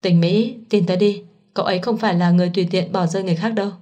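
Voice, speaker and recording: A woman voicing a kind young man who comforts a friend in a soft, soothing voice, in a storybook reading. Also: medium pitch, fairly even intonation, rapid-fire, lightly acted. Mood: gentle.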